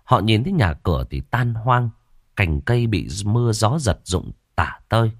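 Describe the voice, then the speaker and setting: Male horror narrator, lowish voice, very animated. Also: moderate pace, dry recording, clean studio sound. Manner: dramatic, expressive.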